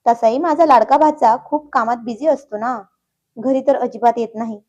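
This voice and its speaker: A cheerful middle-aged aunt with a sly, teasing edge, as a woman reading the story puts her on. Her voice is mellow and slightly high, and the recording sounds dull and lo-fi. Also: moderate pace, close to an everyday voice. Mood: wry.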